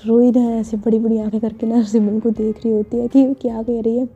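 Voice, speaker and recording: A woman tells a romance story in a loose, chatty style, padding lines with fillers and correcting herself. Her voice is dark and husky, sitting a little high with little melody. The recording is dull, with faint music behind. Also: level tone, a little fast. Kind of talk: casual storytelling narration. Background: faint background music.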